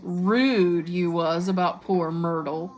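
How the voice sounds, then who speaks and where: A woman's voice: lowish voice, slow, a little mellow, slight background noise. A woman doing a sly, mocking poltergeist. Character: mischievous male poltergeist, sly and taunting.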